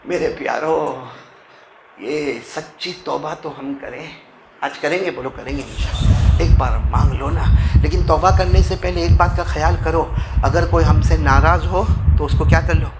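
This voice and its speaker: A man's voice: fairly high pitch, steady tone, very noisy. A man giving a Friday mosque sermon, telling stories emotively and addressing the crowd directly. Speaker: preacher.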